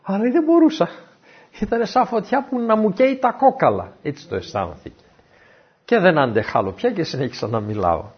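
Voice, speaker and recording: A man preaching from the Bible with a husky, slightly raised voice that swings widely up and down as he tells the story. He keeps asking his listeners questions as he goes. The recording is dull and muffled. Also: sits high. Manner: lively storyteller who asks the listeners questions. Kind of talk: Bible teaching talk.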